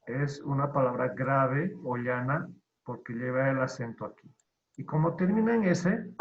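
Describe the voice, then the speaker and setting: A man teaching an online class, explaining slowly step by step, his voice trailing off at the end of phrases. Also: mid-range voice, gravelly. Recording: dull lo-fi audio.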